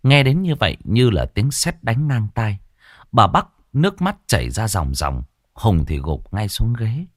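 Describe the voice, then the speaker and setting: A man narrating a ghost story in a dramatic, expressive way. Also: fairly low pitch, a little slow, no room sound, clean studio sound.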